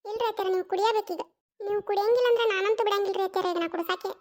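Insistent cartoon daughter-in-law, one performer's put-on voice: North Karnataka Kannada accent, very high, quick coaxing. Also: steady tone, slight background noise. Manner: coaxing and insistent, repeats pleas. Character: pestering young daughter-in-law. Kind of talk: cartoon comedy skit.

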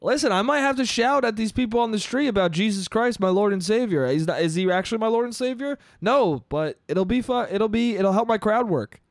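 A man in his twenties hosts a solo podcast from a small bedroom studio, speaking close to a boom-arm studio mic in a high, expressive voice that's a little fast with few pauses. He rambles loosely and profanely, laughs at his own jokes, and sounds a little congested. The sound is dry and clean, studio quality.

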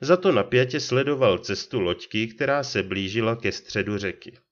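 Brief: male audiobook reader, lowish voice, steady storytelling, muffled lo-fi sound. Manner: steady, measured reading. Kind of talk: storytelling narration. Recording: dull lo-fi recording.

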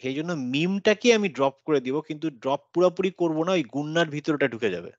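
A man's voice: on the high side, no echo. Patient man teaching tajweed on a call. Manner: patient, explains step by step, chants examples slowly with nasal hum. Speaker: Quran recitation teacher. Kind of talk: online class teaching tajweed rules. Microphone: video call. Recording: dull lo-fi video call audio.

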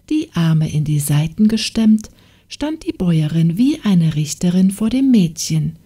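A woman narrating a fairy tale audiobook in a calm, measured storytelling manner. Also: fairly low pitch, breathy edge. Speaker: audiobook reader.

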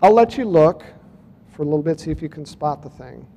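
A high-voiced man with an expressive, creaky, mellow, and husky sound speaks briskly in a reverberant conference hall. He's presenting photos and clips at a UFO conference, telling his story casually, reading out dates, and addressing the audience.

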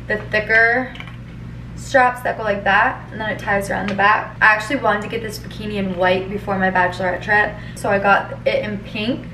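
Filler-heavy and rambling, a twenty-something vlogger talks casually to a camera held at arm's length in her living room and kitchen. Her voice is medium-pitched with a sharp tone. The recording is rough, carrying a little hiss or hum.

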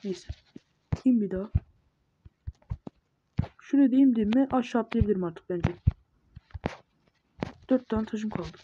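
A woman's voice: a little high, measured pace, long pauses. A woman giving casual gameplay commentary, muttering self-talk and scolding the monsters. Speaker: gamer. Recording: dull lo-fi mic with noise.

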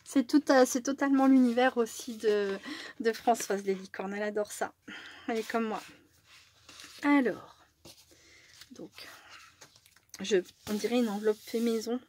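A woman chatting casually in a craft vlog as she opens fan mail, rambling and correcting herself, giggling often and sometimes dropping to a hush. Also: a little high, steady tone, unhurried, long pauses, slight background noise.

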